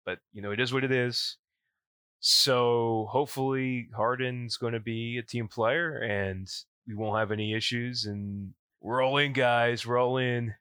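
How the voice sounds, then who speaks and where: A man with a rough, gravelly voice, still recovering from illness, speaking casually and informally as a podcast host. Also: medium pitch, fairly bright tone, no room sound, clean studio sound. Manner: informal, says "yous" for plural you. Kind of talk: casual solo podcast update.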